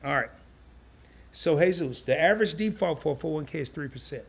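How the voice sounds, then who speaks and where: A man hosting a casual live stream, animated and chatty, reading viewer comments aloud in loose slang. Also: on the high side, a little fast, gravelly, breathy edge. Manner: animated, chatty, repeats himself.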